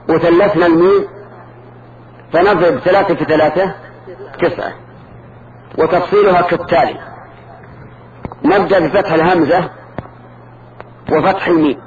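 A man's voice: on the high side, steady tone, normal speed, long pauses, phone-quality sound, a little hiss or hum. A man teaching Arabic grammar in a lesson, patiently repeating word forms and checking that students follow.

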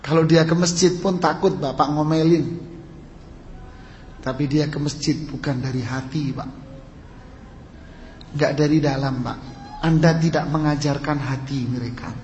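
A man's voice: fairly high pitch, steady tone, measured pace, long pauses, a little mellow, lo-fi sound. A male Islamic preacher giving a sermon, telling stories and throwing rhetorical questions at his listeners. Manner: storytelling, rhetorical questions, addresses listeners as sir. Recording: echoey hall with long reverb, faint noise.

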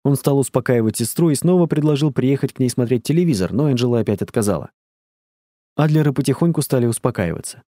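A man reading a novel aloud in a measured, even scripted narration at a close studio mic. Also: mid-range voice, dry recording. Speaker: audiobook narrator.

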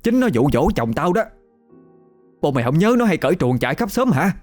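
A man's voice: fairly high pitch, big pitch swings, fairly quick, darkish tone, soft background music, voice pushed up. A man with a Southern Vietnamese accent voicing a frantic, middle-aged village wife who wails and shrieks. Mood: shrill fury. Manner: wailing, shrieking.

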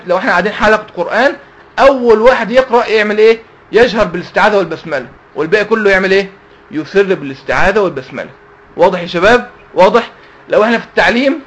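Egyptian male teacher of a youth Quran class, quick-fire, raised pitch, asks and answers his own questions. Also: a bit bright, highs cut off. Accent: Egyptian Arabic. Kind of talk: religious lesson to youth.

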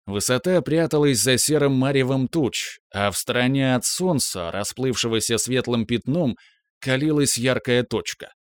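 A man reading a novel aloud in the first person, with steady, measured storytelling. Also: medium pitch, smooth, dry recording, studio quality. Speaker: audiobook narrator. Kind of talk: first-person audiobook narration.

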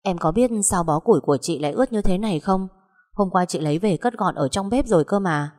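A woman voicing a meek, polite eighteen-year-old girl who answers softly and submissively, with a long echoing reverb. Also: fairly low pitch, expressive, fast.

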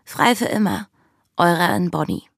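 A woman's voice: on the low side, sing-song, measured pace, gravelly, full character voice. An actress playing a bold, brash young pirate woman in an audio drama, with a spirited, commanding manner. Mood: cheerful, rousing.

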